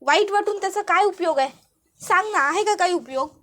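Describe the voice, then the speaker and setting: A woman's voice: extremely high pitch, fairly quick, sharp tone, pitched above the performer's own voice. A woman voicing a frustrated young man who talks curtly and sounds exasperated. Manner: curt, exasperated.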